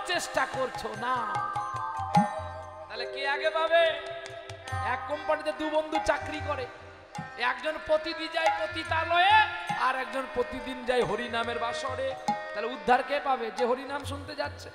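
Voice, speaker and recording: A man leads a devotional kirtan sermon, telling stories dramatically and speaking straight to the crowd. His voice sits very high. It echoes through a big hall with music playing behind. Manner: dramatic, animated, addresses the audience directly. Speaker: kirtan singer and preacher. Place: live devotional gathering.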